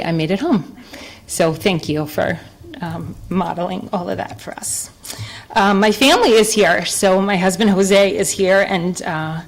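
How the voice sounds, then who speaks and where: A woman in her forties, an elementary school educator, giving an emotional, earnest acceptance speech at a town board meeting, with frequent ums. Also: medium pitch. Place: town hall council chambers.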